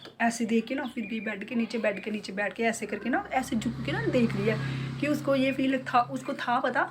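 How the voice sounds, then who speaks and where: A woman's voice: a little high, normal speed. A middle-aged woman with a Jammu accent, a beauty salon owner chatting casually and heartfelt in her vlog. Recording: noisy background.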